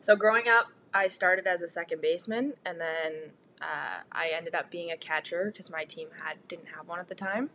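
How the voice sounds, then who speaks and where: A woman's voice: fairly low pitch, moderate pace, few pauses, a bit bright, a little hiss or hum. A young woman with a Canadian accent, a student athlete answering interview questions casually as a guest. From Ontario, Canada. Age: young adult.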